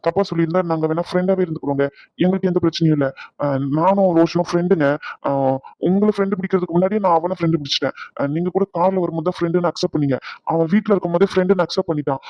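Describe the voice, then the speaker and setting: A man's voice: on the high side, dry recording, natural voice. A man voicing a talkative young man who lectures, gets defensive and keeps hesitating with "ah"s. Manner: chatty, defensive, lots of hesitant "ah"s. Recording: dull dry lo-fi.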